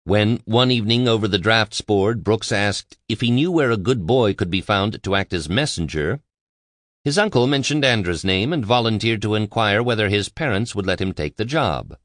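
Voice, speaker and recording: Deep-voiced man narrating an audiobook. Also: moderate pace, fairly bright tone, dry recording.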